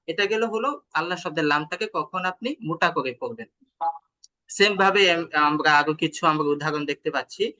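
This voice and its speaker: A man teaching tajweed in an online class with a Bangladeshi Bengali accent, explaining patiently, asking questions and chanting examples slowly. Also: fairly high pitch, sharp tone. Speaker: Quran recitation teacher.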